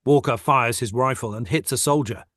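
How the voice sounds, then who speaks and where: A man reads the stage directions of a script in a steady, matter-of-fact way. His pitch is middling and the sound is dry and close, with no room around it. It is a plain table read over a video call. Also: moderate pace, no room sound.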